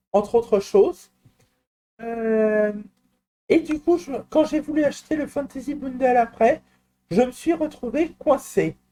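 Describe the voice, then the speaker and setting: A man presenting a screen-recorded software walkthrough, talking in a hesitant, explanatory way with frequent fillers and restarts and personal asides. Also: extremely high pitch. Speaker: tutorial presenter.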